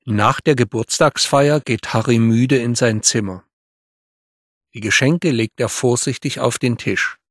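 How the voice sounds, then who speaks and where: A man tells a language-course story in a clear, even narrator voice. His pitch is mid-range. It is recorded dry on a close studio mic. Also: measured pace, no room sound.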